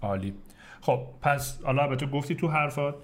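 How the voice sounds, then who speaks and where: A man co-hosting a bilingual English lesson, asking prompting questions and giving short approvals. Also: mid-range voice. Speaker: co-host of a language lesson.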